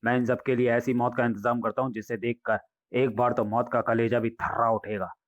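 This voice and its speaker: A man's voice: mid-range voice, little pitch movement, a little fast, highs cut off, natural voice. A man voicing a cruel, demonic male ghost villain who speaks in a menacing, commanding way.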